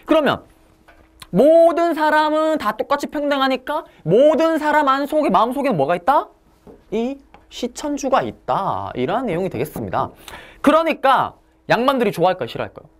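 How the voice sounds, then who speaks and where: Lively woman teaching history for an exam. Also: high voice. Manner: lively, asks the class questions and answers them herself. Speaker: history lecturer. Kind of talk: exam-prep lecture.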